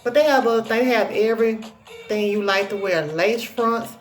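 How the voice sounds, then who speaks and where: A woman with a deep Southern US accent chatting casually to her viewers in a folksy, sassy, self-assured country way. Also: normal speed, faint music behind, poor audio. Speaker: hair tutorial vlogger.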